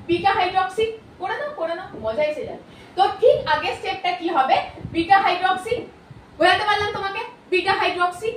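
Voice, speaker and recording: A high-pitched woman with a Bengali accent explains chemistry step by step, firing off questions and answering them herself. Her voice comes from a little away from the mic in an echoey room, with a faint hiss of ambience behind her. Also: a bit bright, distant mic. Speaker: chemistry teacher. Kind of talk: video lecture.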